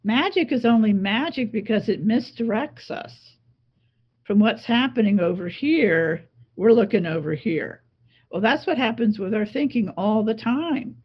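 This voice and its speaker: A woman's voice: a little high, expressive, unhurried, breathy edge, dull audio. A woman speaking as a coach and interview guest, teaching conversationally in an emphatic, reflective way with repeated phrases.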